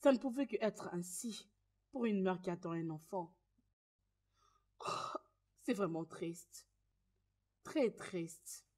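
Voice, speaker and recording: An actress dubbing a sympathetic friend in French who consoles gently, recorded from a distance. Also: female voice, medium pitch, animated, slow pace, long pauses. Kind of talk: French film dub.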